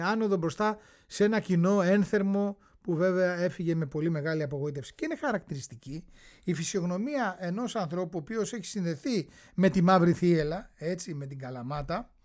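A male host telling a sports story in a chatty way, often pausing on drawn-out hesitations. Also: sits high, darkish tone. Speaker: radio and TV show host. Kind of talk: storytelling talk-show narration.

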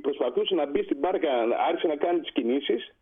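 A man's voice: a little high, slightly rough. A man who served on ships, telling a story in a radio interview and acting out the dialogue. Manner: animated, acts out quoted dialogue. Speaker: retired sea captain guest. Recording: tinny phone line.

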